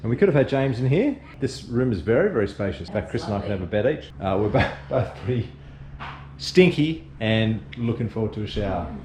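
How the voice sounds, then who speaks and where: A man's voice: medium pitch, very animated, brisk, a little mellow. Casual man vlogging outdoors, noisy background. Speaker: travel vlogger. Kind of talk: casual vlog narration. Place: mostly outdoors on a tour. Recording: outdoor handheld recording with ambient noise.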